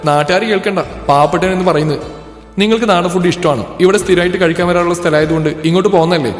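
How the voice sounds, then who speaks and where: A man voicing a defiant, sharp-tongued young woman in a told story, recorded in an echoey room with music. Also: high-pitched, fast, close to an everyday voice. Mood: teasing. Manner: shouting, angry, then teasing. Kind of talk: storybook character voice.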